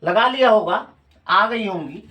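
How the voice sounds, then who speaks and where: A man's voice: sits high, expressive, measured pace, pushed and bright. A male teacher with a Hindi accent of Uttar Pradesh, giving a classroom lecture. He repeats key phrases and keeps quizzing his students with questions.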